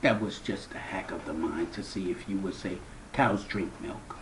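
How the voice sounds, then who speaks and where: A man who founded a spiritual movement gives a spiritual address to his viewers, preaching with strong emphasis. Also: noisy background. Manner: slow, emphatic preaching with big swings in pitch and loudness.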